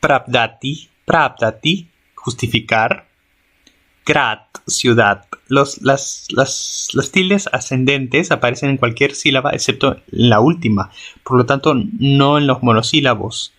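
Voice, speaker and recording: Man reading a grammar lesson haltingly. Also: mid-range voice, a bit bright. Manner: halting, restarts words and sounds out examples. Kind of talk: reading a grammar text aloud.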